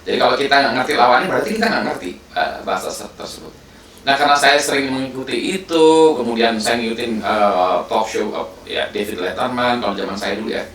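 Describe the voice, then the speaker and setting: A middle-pitched man in his fifties from Indonesia talks in a relaxed, wandering way, filling gaps with hesitations and restarts. His voice sounds roomy, picked up from a distance, with a faint hiss of background noise. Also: fast. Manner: relaxed and rambling, with many fillers and restarts. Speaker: host. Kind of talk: casual monologue.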